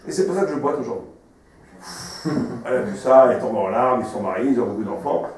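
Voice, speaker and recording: A man, a rabbi, telling stories in a sermon, an expressive storyteller who repeats his words. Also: mid-range voice, quick pace. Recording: very echoey room, mic far off.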